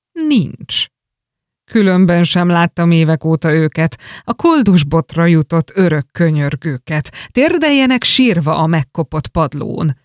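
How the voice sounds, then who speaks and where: A narrator reading a rhymed story aloud with a steady verse rhythm and expressive delivery. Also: medium pitch, no room sound, studio quality.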